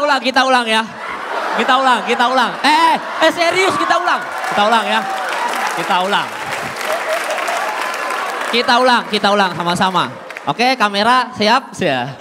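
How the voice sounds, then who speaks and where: A man performing an absurd stand-up comedy set on stage, excitable and breaking into shouts. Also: very high-pitched, moderate pace, pauses often. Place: stage before a live audience. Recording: live stage with crowd and noise.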